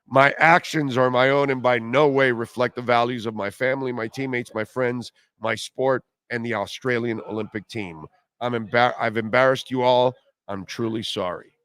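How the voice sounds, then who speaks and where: Male sports-talk radio host, conversational and wry, average pitch, very dry sound. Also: steady tone, normal speed, a bit bright, dry recording.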